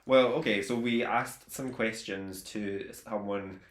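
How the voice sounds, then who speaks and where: A man's voice: on the low side, steady tone, slow, echoey room. Giggly male podcast host. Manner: giggly and chatty. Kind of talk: casual chat.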